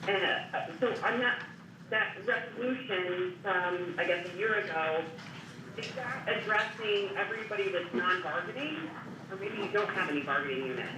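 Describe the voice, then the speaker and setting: A woman's voice: mid-range voice, normal speed. Brief: woman attorney calling in, hesitant and full of fillers, heard over a distant, roomy speakerphone. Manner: hesitant, many fillers and hedges. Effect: heard over a speakerphone in a boardroom. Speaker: HR attorney on a call. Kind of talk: phone call into a county board meeting. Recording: echoey distant speakerphone with room noise.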